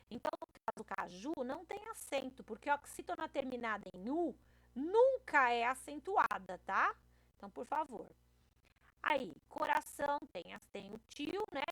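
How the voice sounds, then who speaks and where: A woman's voice: high voice, no echo, poor audio. A woman teacher giving a recorded video lesson to children, patient and explaining step by step, often checking in with them. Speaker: primary school teacher.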